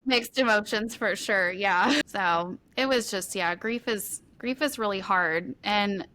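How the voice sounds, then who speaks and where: A woman's voice: medium pitch, slow, sharp tone. A woman co-hosting a podcast, talking candidly and at length in a rambling, open way with many "like" fillers. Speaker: podcast co-host. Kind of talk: candid conversational chat.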